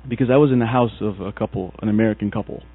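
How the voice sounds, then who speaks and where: On a tinny, dry, phone-like recording with audible mains hum, a husky-voiced man from Egypt preaches very fast in a low-leaning voice. He tells his sermon as a story, animatedly acting out the characters he quotes.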